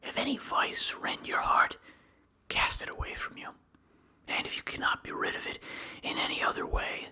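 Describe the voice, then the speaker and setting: Someone reads a philosophical text aloud in a breathy ASMR whisper, in measured, deliberate phrases with short pauses. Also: pushed and bright.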